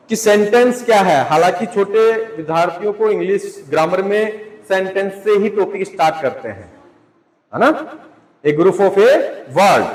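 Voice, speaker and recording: High-voiced man teaching in an echoey hall. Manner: asks students questions and answers them himself; spells out English words letter by letter. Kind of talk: classroom grammar lesson. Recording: echoey room with long reverb.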